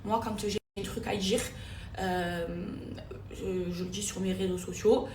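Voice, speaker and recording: A woman's voice: mid-range voice, steady tone, unhurried, a little mellow, reverberant, recorded from a distance, slight background noise. A young woman, chatting casually to her followers in a home vlog, with lots of fillers. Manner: chatty, addresses viewers as "les filles", many fillers. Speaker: social media personality. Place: at home, indoors.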